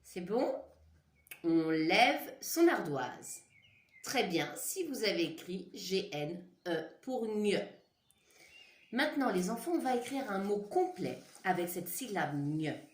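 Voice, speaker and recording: In a roomy, echoing classroom with a board, a primary school teacher dictates syllables to young children, drawing them out carefully. Her voice is low for a woman, and her pitch rises and falls with lively emphasis. The camera's own mic captures her.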